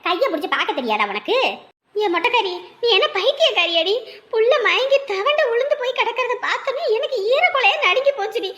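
A woman's voice: very high voice, very animated, fairly quick, bright, forceful tone, heavily acted. A brash, mocking old village woman. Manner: brash, mocking, then overjoyed. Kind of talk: cartoon voice acting.

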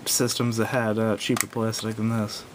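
His voice barely moves in pitch and keeps a moderate pace as he casually reviews a product in hand, off the cuff, halting and rambling and fixing his own words. The setting is indoors at a wooden table, captured in a noisy home recording with a low rumble.

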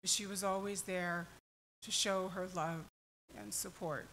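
A woman giving a slow, heartfelt tribute to her mother at a church memorial service. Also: on the low side, steady tone, fairly bright tone, a little hiss or hum, poor audio. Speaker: eulogy speaker, child of the deceased. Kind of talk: memorial eulogy.

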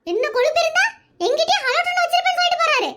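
A woman's voice: very high voice, animated, very fast, very noisy. A woman voicing a quarrelsome, nagging village wife in a cartoon, needling with mocking questions. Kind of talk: cartoon voice acting.

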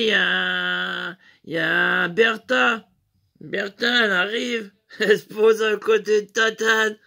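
A man's voice: high-pitched, vocal fry, a bit bright, breathy edge. A man telling a rambling, crude comic anecdote about a night at a bar, full of slang and fillers. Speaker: comedian.

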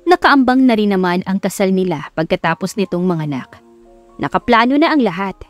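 With a Filipino accent, a female audiobook narrator reads a scripted story in a dramatic storytelling style. Her medium-pitched voice is expressive and fairly quick. Background music plays under the narration.

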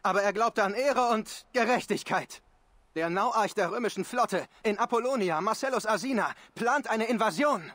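A man's voice: high voice, moderate pace, a bit bright, dry recording. A man voicing a frightened, earnest young soldier deserter in a German game dub.

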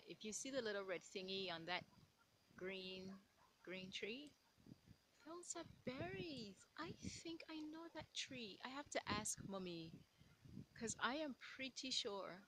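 A woman's voice: mid-range voice, fairly bright tone, a little hiss or hum. A woman vlogging casually while walking outdoors on a mountain trail, out of breath and chatty, laughing at her own jokes.

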